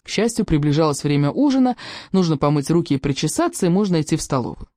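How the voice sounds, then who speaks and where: A reader narrating a children's book in a lively storytelling manner. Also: mid-range voice, fast, dry recording. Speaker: audiobook reader.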